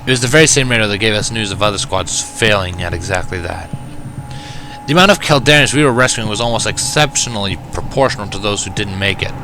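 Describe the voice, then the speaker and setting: A man with a fairly low, fast, bright, forceful voice reads first-person fan fiction as dramatic narration, his delivery wry and sardonic. The recording is low quality, with music playing behind him.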